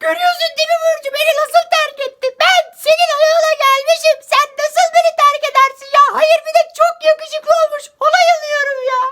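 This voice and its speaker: A performer voicing a spoiled, hot-tempered teenage schoolgirl who whines and yells in a comedy sketch. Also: steady tone. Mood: angry. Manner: shrill, quick to yell and curse. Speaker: sketch character.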